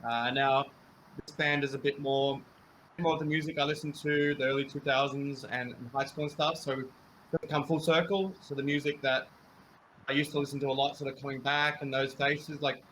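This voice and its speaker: A man's voice: medium pitch, level tone, moderate pace, fairly bright tone, slight background noise, poor audio. A man from New Zealand, raised in Melbourne, chatting and teasing as a band guest on a video call. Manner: laughing, teasing. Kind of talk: casual chat.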